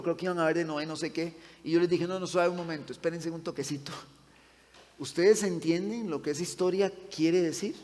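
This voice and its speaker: A male pastor preaching a sermon, telling a story with feeling and swinging between loud passages and hushed ones. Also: fairly high pitch. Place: church sanctuary. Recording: long hall reverb.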